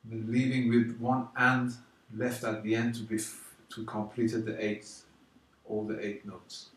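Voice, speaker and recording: A man teaching a drum rhythm, explaining calmly and counting the beats out loud, slow and emphatic. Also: on the low side. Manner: counts beats aloud loudly and slowly between calm explanations. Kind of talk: casual drum lesson. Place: London. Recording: roomy echo, mic at a distance, drumming.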